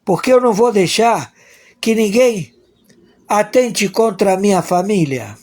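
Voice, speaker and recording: A man's voice: high voice, a little mellow. A man giving a crude, profane political rant in an emphatic, repetitive way, acting out imagined dialogues.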